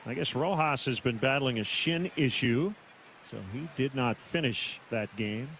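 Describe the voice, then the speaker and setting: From the broadcast booth at a stadium, a man handles live radio play-by-play for a baseball game. His mid-range voice is unhurried and slightly bright, with outdoor crowd and stadium noise clearly heard in the background.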